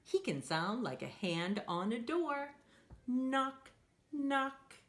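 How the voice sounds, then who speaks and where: At a slow pace and with a voice that sits high, a woman reads a story aloud to young children. Playful and encouraging, she asks listeners to join in and animatedly acts out sound effects.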